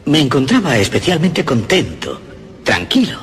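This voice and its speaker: A man's voice: sing-song, normal speed, a bit bright. A man giving a theatrical, dramatic reading of a story. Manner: theatrical, pitch swinging widely. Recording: clear crowd noise behind.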